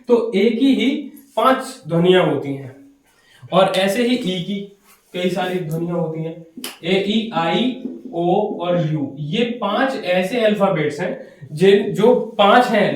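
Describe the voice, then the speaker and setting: A man's voice: high voice, distant mic. A man teaching an English grammar class, explaining step by step and often asking and then answering his own questions. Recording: very echoey room, voice from afar.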